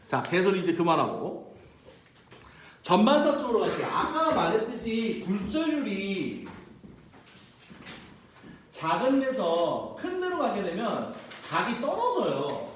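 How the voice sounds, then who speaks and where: A young man teaching physics in a loud, joking, slangy way, his high voice swinging up and down as he tells stories. He sounds a fair way from the mic. The classroom rings with heavy echo. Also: huge pitch swings, measured pace, pauses often, a little hiss or hum. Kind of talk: lecture. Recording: very echoey room, mic far off.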